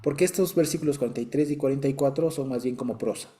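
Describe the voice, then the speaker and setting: Speaking quickly in a warm, mellow, very deep voice, the Bible study teacher guides his listeners through a conversational lesson. He is patient in his explanations, drops frequent short check-in asides, and laughs softly now and then.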